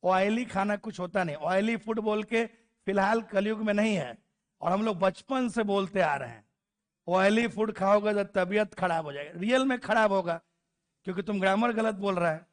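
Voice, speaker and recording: A man's voice: high voice, moderate pace. A man teaching English grammar to a class, spelling letters out, calling out word lists and teasing students. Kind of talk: classroom lecture.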